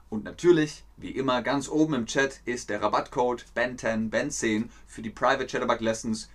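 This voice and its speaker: A man hosting a live-streamed German lesson, playful and talking to chat viewers by name. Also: medium pitch. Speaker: German teacher hosting a livestream.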